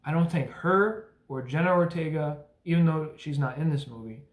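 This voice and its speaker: A man's voice: on the high side, moderate pace, roomy sound. A young man giving a casual spoken movie review, rambling with many fillers and restarts and cursing bluntly.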